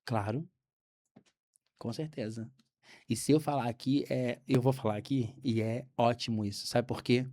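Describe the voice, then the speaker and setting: Brazilian man, mellow voice, storytelling. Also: medium pitch, moderate pace. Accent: Brazilian Portuguese. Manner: animated storyteller acting out dialogue. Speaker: podcast guest. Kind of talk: storytelling testimony.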